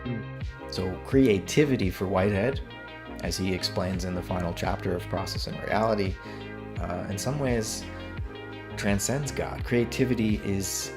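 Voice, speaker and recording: A man in a casual philosophical discussion, reflective and pausing often to search for words. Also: deep voice.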